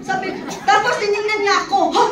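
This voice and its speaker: A middle-aged woman gives a personal testimony with a very high, bright voice, laughing as she acts out what others said. She sounds far from the mic in an echoey hall, with a faint audience behind her. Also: normal speed, some chatter behind. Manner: animated storytelling with laughs and acted quotes. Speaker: testimony speaker. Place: event hall.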